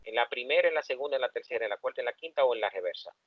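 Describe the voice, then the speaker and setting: A male engineering professor with a Dominican accent, giving a lively classroom lecture and asking the students questions. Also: medium pitch, very fast, no echo. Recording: dull, dry lo-fi classroom recording.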